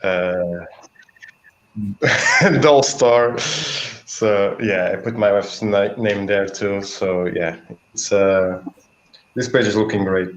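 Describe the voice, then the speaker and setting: A man with a low voice who speaks very slowly and hesitantly, with many fillers, as he draws comics on a live stream. His sound is roomy. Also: lo-fi sound. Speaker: comic artist co-host. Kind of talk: casual chat while drawing.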